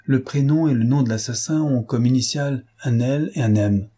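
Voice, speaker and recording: A man's voice: medium pitch, moderate pace, mellow, slightly rough, pitched above the performer's own voice, close to an everyday voice. A man voicing an impatient police chief. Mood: probing. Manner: urgent, commanding.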